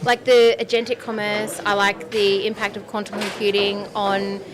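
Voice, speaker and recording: A woman's voice: mid-range voice, level tone, normal speed. A woman, speaking as a conference organizer. She talks with enthusiasm and energy. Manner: enthusiastic, upbeat. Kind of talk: casual conference chat. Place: conference venue. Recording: crowd chatter at a conference. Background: crowd chatter.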